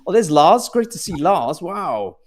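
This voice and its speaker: A man's voice: fairly high pitch, sing-song, unhurried. A man hosting a casual live online panel, chatty and easygoing, with plenty of fillers and restarts, over a video call. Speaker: host.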